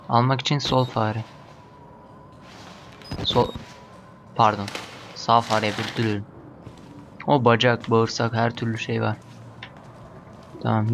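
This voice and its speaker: A man with a Turkish accent commenting on a horror game as he plays, muttering to himself and breaking into panicked shouts when chased. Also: mid-range voice, steady tone, unhurried, pauses often, a little hiss or hum. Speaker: gamer.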